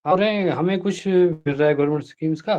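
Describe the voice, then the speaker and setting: A man's voice: a little high, a little fast, darkish tone. A man answering interview questions remotely, his voice breaking up over the call line, with short, plain answers. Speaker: interview guest joining remotely. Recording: dull, distant, breaking-up call audio.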